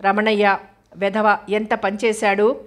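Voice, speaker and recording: Lady doing a scared grieving young woman in an audio novel, soft tearful pleading, flat mid voice. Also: mid-range voice, slow pace. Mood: hurt.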